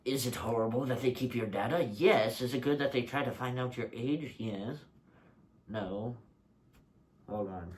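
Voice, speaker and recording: A young adult giving a casual, exasperated rant full of rhetorical questions, slightly muffled as if speaking from inside a rubber mask. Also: medium pitch. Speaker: video creator.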